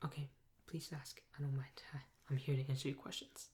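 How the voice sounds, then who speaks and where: A woman softly whispering a role-play as a helpful, patient librarian, breathy and gentle, close to a binaural microphone. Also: a bass voice, little pitch movement. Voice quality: soft-spoken, breathy, often whispered. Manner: gentle, unhurried customer-service talk with pauses. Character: helpful, patient female librarian serving a patron. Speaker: ASMR performer playing a librarian. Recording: close binaural mic with clear hiss.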